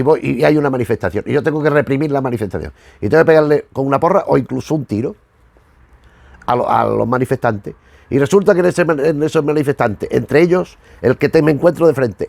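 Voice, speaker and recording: A middle-aged man with a Spanish accent from Spain hosts a retro television review show, giving rambling, informal commentary and often correcting and repeating himself for emphasis. His mid-range voice is creaky with a darkish tone, and there's no room sound.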